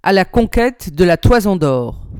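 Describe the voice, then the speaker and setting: A woman reading a storybook aloud, voicing a young male hero prince who answers a king calmly and firmly. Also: fairly low pitch, a little slow, smooth, no room sound. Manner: calm, firm.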